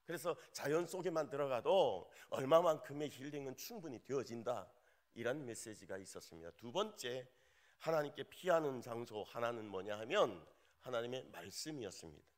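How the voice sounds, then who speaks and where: A male associate pastor preaching a sermon, joking with the congregation in an animated way. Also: mid-range voice, normal speed.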